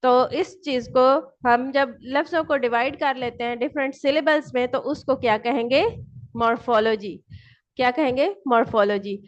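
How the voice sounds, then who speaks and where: A woman lecturer giving an online class, who asks her students questions and answers them herself. She reads English definitions out slowly and explains them in Urdu. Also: high voice. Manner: switches between English and Urdu. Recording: dull lo-fi recording.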